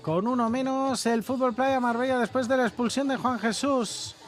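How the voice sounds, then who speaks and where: A male sports commentator with a high-pitched voice follows a beach soccer match play by play. Music is heard behind his live commentary. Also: moderate pace.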